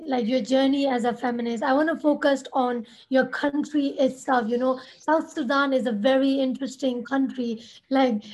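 A woman hosting a podcast interview, chatty and full of filler words. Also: high voice. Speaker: podcast host. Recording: dull lo-fi audio.

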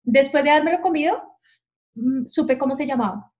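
A woman's voice: high voice, normal speed, darkish tone. A woman telling her stories as a podcast guest, frankly and with animation, acting out the voices she quotes. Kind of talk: candid storytelling. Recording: dull lo-fi sound.

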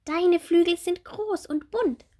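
A woman's voice: slow pace, warm tone. A woman voicing a little bumblebee girl who is timid and full of wondering questions, in a storybook. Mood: wondering eager. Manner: high, eager, questioning.

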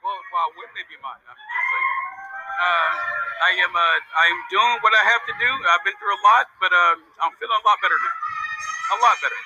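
A man's voice: sits high, huge pitch swings, brisk, pushed and bright, breathy edge, no room sound, rough recording. A man chatting casually as a guest commentator and wrestler.

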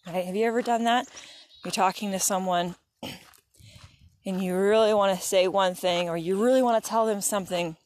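Chatty mom vlogging by a creek. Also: female voice, mid-range voice, moderate pace, darkish tone, slight background noise. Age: adult mother of young kids. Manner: chatty, encouraging, talks directly to viewers. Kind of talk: casual motivational vlog. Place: outdoors by a creek in the woods.

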